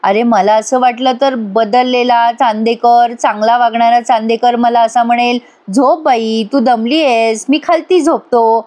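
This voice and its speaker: A woman's voice: on the high side, fairly even intonation, a little slow, a little mellow, close to an everyday voice. A woman voicing a sly young wife who teases her husband in a sweetly mocking way.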